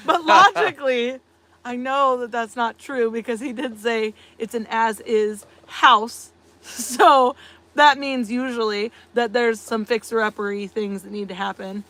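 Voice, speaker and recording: A woman's voice: fairly high pitch, unhurried, pushed and bright. A woman co-hosting a casual live stream, chatty and laughing often as she tells long stories full of fillers. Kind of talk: casual chat.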